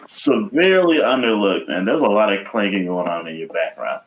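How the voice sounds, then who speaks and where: A man co-hosting a casual music podcast, swearing freely and telling stories with animated energy. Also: lowish voice, normal speed, noisy background. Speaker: podcast co-host. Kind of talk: casual chat.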